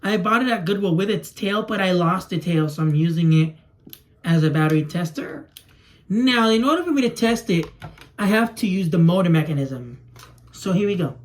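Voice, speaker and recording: A young adult man, a native Spanish speaker who makes toy videos, chats casually and ramblingly while demonstrating something to camera in a small room at home. His voice is high-pitched and expressive at a moderate pace. Background noise and clicking are clearly audible.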